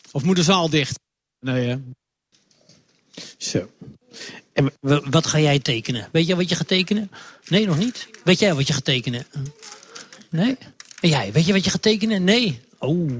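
A Dutch man with a fairly high voice leads a children's sermon in a church hall. He talks to the kids in a friendly, chatty way, wandering about with a wireless mic. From Netherlands. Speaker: lay preacher. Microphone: wireless microphone, moving around.

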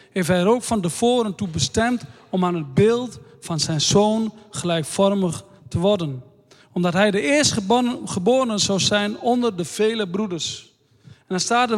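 A man preaching a sermon in a slow, earnest way, reading scripture aloud. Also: sits high. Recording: long hall reverb.

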